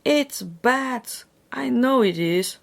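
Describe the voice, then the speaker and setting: A woman's voice: lowish voice, unhurried, a little mellow. A woman voicing a smug, gleeful schoolboy brother in a theatrical, hammy storybook delivery. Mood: gleeful, dramatic.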